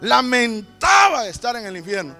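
A man preaching a sermon with fervent, rhythmic delivery that bursts into shouts. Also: very high-pitched, sing-song, normal speed, faint music behind.

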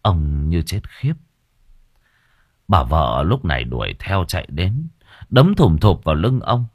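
A man's voice: low-pitched, sing-song, measured pace, breathy edge, no room sound, studio quality. A man narrating a horror story in a dramatic, emphatic storytelling manner.

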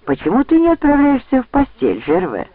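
A man's voice: extremely high pitch, huge pitch swings, a little fast, dry recording, pitched above the performer's own voice, exaggerated voice. A man reading an audiobook, voicing a proud, defiant young noblewoman in a cutting tone. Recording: dry, tinny phone-like sound.

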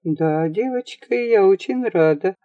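A woman voicing a gentle, kindly noblewoman mother in an audiobook, speaking softly and calmly. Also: medium pitch, unhurried, no echo, phone-quality sound, close to an everyday voice. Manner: soft, calm, gently reserved.

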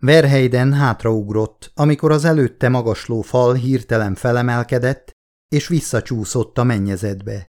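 A man giving scripted audiobook narration in a steady, measured storytelling manner. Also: mid-range voice. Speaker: audiobook reader.

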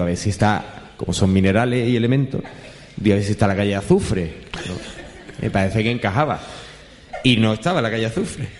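A man's voice: medium pitch, a little mellow. A man, a journalist and humor writer, telling funny anecdotes and acting out the people in them with changed voices. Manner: acts out the people in his stories with changed voices. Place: talk event in a hall. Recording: reverberant hall sound.

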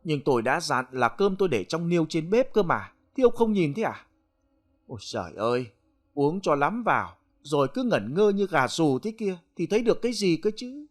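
A man voicing a middle-aged peasant wife who scolds her drunk husband in a shrill voice. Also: sing-song, normal speed. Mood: scolding.

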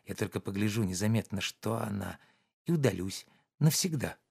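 A peevish, fretful nobleman, as a male narrator puts him on, his low voice climbing sharply whenever he loses patience. He scolds and worries by turns, like a lazy master in an old audiobook. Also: lively intonation, moderate pace, creaky, a little mellow, slightly rough, heavily acted. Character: anxious idle nobleman, fretful and irritable.

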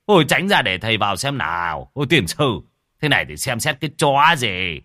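A man voicing a gruff, greedy old village shaman who scolds and curses as he orders people around. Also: lowish voice, sing-song, moderate pace, bright, forceful tone, no room sound, clean studio sound, exaggerated voice. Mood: scolding. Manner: bossy, scolding, curses freely.

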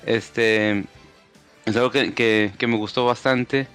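A man's voice: medium pitch, steady tone, takes it slowly, fairly bright tone, smooth, faint music behind. A man on a casual podcast, giving long enthusiastic explanations full of fillers. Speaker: podcast co-host. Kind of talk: casual chat.

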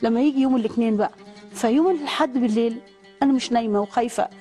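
A woman's voice: a little high, rapid-fire, warm tone, soft background music. A woman with an Egyptian accent telling a fervent, prayerful personal testimony. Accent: Egyptian Arabic. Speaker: guest giving testimony.

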